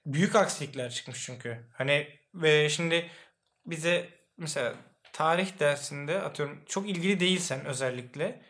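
A young man co-hosting a casual chat podcast, relaxed and explaining at length with fillers. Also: on the high side, normal speed. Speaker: podcast co-host.

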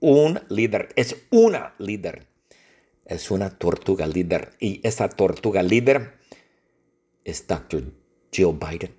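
A man improvising an absurd comedy story in a halting, repetitive, deadpan way. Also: low voice, breathy edge. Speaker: podcast host.

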